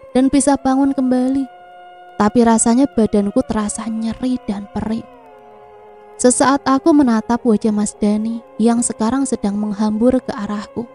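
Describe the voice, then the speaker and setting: A woman reading a first-person horror story in a steady, somber way. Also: on the high side. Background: faint background music.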